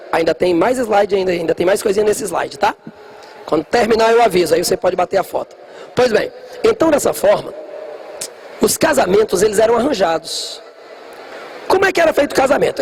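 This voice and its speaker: Guy teaching history, high voice, cracks jokes, faint hiss behind. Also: low-quality recording. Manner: jokey, talks straight to students, acts out little scenes. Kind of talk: lively classroom lecture. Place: classroom.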